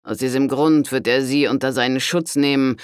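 A man voicing a pompous count who speaks slowly and formally in an audiobook. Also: mid-range voice, steady tone, clean tone, dry recording, clean studio sound, natural voice. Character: pompous male count in red armor.

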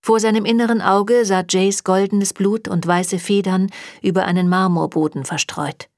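A woman narrating a German fantasy audiobook in a calm, even storytelling manner. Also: medium pitch, normal speed, no room sound, studio quality. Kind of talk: scripted narration.

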